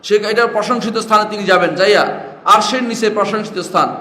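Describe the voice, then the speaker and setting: High bright-voiced male teacher, echoey hall. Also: a little fast. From Bangladesh. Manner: asks the listeners rhetorical questions, repeats key phrases. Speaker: Islamic teacher. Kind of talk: religious lecture. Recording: echoey hall with long reverb.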